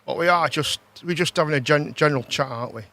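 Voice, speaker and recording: Higher-pitched British bloke streaming casually. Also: male voice, quick pace, bright, forceful tone. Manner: informal, repeats himself, ends on tag questions. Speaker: host. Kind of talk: casual livestream chat.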